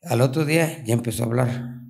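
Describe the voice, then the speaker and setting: A Mexican-accented bull rider talks through his stories in a casual interview. His speech is slangy and animated, and his voice sits at an ordinary middle pitch for a man. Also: brisk, gravelly. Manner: colloquial, animated storytelling with slang.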